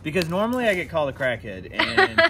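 Animated man unboxing outdoors. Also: on the high side, quick pace. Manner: chatty, animated, jokey asides. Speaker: storage unit vlogger. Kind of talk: casual unboxing chat to camera. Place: outdoors at storage units. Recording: outdoor recording with clear background noise.

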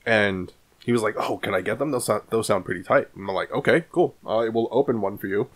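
A man in his thirties hosts a card collecting channel, doing a casual vlog and pack opening from a small room at home. His voice is lowish and a little fast, full of fillers and restarts, recorded on an arm-mounted studio microphone in front of him.

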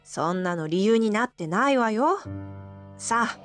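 A woman's voice: mid-range voice, lively intonation, unhurried, soft background music, natural voice. A woman voicing a stern mother who scolds her son and orders him about. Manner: scolding, commanding.

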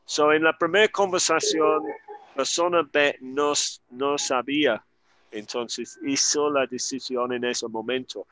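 A man's voice: medium pitch, fairly even intonation, unhurried, fairly bright tone, dry recording. A man teaching an online language lesson, explaining grammar patiently and carefully. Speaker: English teacher.

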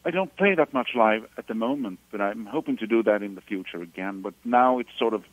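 A man from Sweden in his fifties talks in a lowish voice, often pausing and restarting his phrases as a guest. The sound is dry and a little dull, as if over a phone line. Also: no room sound. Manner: hesitant, restarts phrases, animated about music. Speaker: musician guest. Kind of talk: radio interview over the phone.

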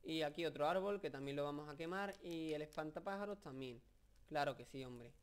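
A young man with a Spain Spanish accent giving casual, rambling video game commentary, joking and excitable, with many fillers. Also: fairly high pitch, brisk. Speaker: gameplay commentator.

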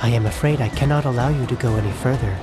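A man voicing a calm, menacing evil computer AI villain in a video game, who speaks in cold, measured, formal threats. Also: medium pitch, natural voice. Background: loud game music.

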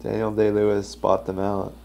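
A man hosting a live podcast from a hotel room, trading deadpan quips in casual comedic banter. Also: fairly low pitch, moderate pace, muffled recording. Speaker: podcast host.

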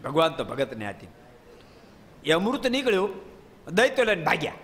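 Casting: male preacher, fairly high voice, lively storytelling, hall reverb. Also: moderate pace. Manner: lively, questions the audience, playful asides. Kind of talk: devotional storytelling sermon.

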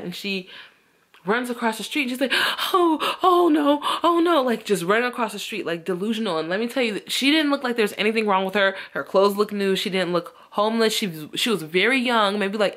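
A woman's voice: medium pitch, fast, a bit bright. A young woman vlogger telling a story casually, acting out quoted voices and swearing freely.

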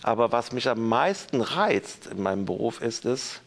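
A man in his fifties speaks reflectively as a musician being interviewed. His voice is mid-pitched with a strong gravelly creak. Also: big pitch swings, moderate pace, faint music behind. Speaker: orchestral musician, clarinet and saxophone player. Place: indoor theater costume room.

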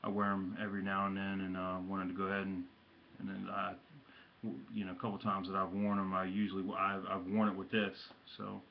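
Low flat-voiced man vlogging, lo-fi sound. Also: a little hiss or hum. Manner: halting, many ums and uhs, slangy shout-outs. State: has hiccups. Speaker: hat and jersey collector vlogger. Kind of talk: casual show-and-tell vlog. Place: his room at home.

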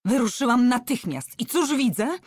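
A woman's voice: fairly high pitch, sing-song, moderate pace, slightly rough, dry recording, clean studio sound, voice pushed up. A woman voicing a young woman who bluffs as a countess, speaking in a raised, agitated, pleading way. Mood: agitated, defiant.

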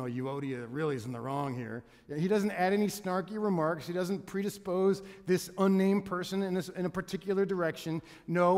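High-voiced man preaching in a reverberant church. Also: a little mellow. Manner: earnest, with frequent restarts and repeated words. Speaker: pastor. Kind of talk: sermon. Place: church sanctuary. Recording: long reverb of a church hall.

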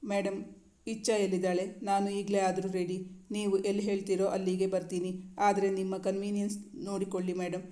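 A woman voicing an anxious young man pleading with the girl he loves, in a flat, even storybook reading. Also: medium pitch, fairly quick, natural voice. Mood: eager. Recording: roomy echo.

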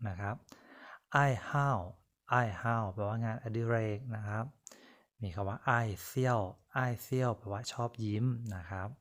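A man's voice: fairly low pitch, steady tone, fairly quick. Patient man teaching vocabulary. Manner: patient, explains each word twice with polite endings. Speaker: Chinese language teacher. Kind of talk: casual vocabulary lesson.

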